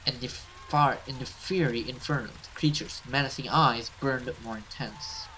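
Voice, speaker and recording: A man with a medium-pitched, pushed, bright voice reads a horror visual novel aloud at normal speed, narrating theatrically like a gamer doing a let's play and tossing in casual swearing. The low-quality recording has slight background noise.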